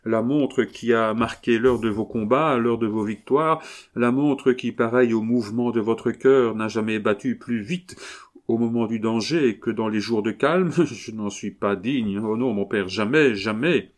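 A man's voice: lowish voice, moderate pace, darkish tone, natural voice. A man reading aloud voices an emotional young man, a remorseful son who speaks to his father in a fervent, pleading way.

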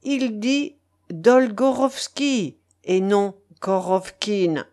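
A woman's voice: medium pitch, lively intonation, drawn-out words, darkish tone. A woman reading the part of a nervous young man who keeps explaining and apologizing for his friend. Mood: fussy explaining.

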